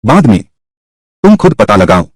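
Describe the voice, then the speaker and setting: A man's voice: lowish voice, sing-song, a little slow, dry recording. A man voicing a weary old male god of death in a dubbed drama, grumbling and dismissive.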